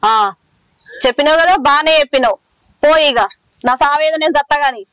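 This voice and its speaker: A woman's voice: sits high, moderate pace, a bit bright, no echo, rough recording. A woman playing a young village wife worn down by her drunk husband, bitter and complaining, with a Telangana Telugu accent. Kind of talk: village short film drama.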